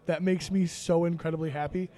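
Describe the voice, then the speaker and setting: A man's voice: a little high, flat delivery, brisk, dark tone. A man co-hosting a podcast, joking and teasing in casual banter. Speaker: podcast co-host.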